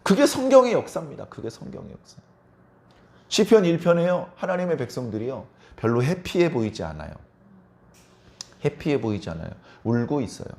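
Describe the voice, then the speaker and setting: A man's voice: medium pitch, very animated, a little fast, a little mellow. A middle-aged male pastor preaching a Sunday sermon in a church, pressing his listeners with repeated rhetorical questions. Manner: emphatic, keeps prodding listeners with rhetorical questions.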